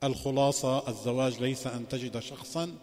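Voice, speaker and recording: Male lecturer, middle pitch, religious lecture built on rhetorical questions, long hall reverb. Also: steady tone, fairly quick, darkish tone. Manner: poses rhetorical questions, mixing formal phrasing with colloquial asides. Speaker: sheikh giving a lecture course.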